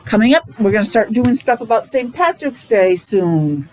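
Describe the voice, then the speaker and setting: With a very animated, rather high voice and a darkish tone, a New England woman teaches young children at normal speed. She sings her words, repeats simple phrases and asks coaxing questions in an interactive preschool lesson. The rough recording has a little hiss or hum.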